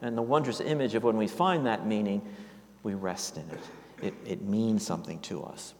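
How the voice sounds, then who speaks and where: Low-voiced pastor preaching in a reverberant hall. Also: male voice, darkish tone, a little hiss or hum. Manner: halting, with many fillers and restarts. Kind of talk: sermon. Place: church.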